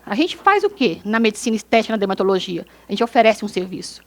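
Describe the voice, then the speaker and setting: A middle-aged woman doctor with a São Paulo Brazilian accent giving a lecture to fellow doctors, asking rhetorical questions and acting out quick examples. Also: mid-range voice, big pitch swings. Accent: Brazilian Portuguese, São Paulo.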